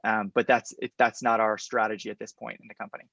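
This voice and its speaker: A man, answering questions in a confident startup pitch, explaining point by point on a video call. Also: little pitch movement, fast, creaky, fairly bright tone, no room sound, highs cut off. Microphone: computer mic on a video call.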